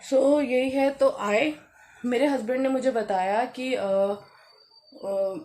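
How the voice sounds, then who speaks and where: A woman's voice: sits high, slow pace, darkish tone. A young woman from Uttarakhand chatting casually to camera as a vlogger, full of fillers and breaking into laughter as she tells a story. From Uttarakhand, India.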